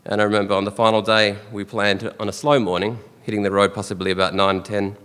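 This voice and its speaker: An Australian man giving a fond, earnest funeral eulogy for his father, with soft chuckles between memories. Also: lowish voice, level tone, fast talker, clean tone. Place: church or funeral hall. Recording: long hall reverb.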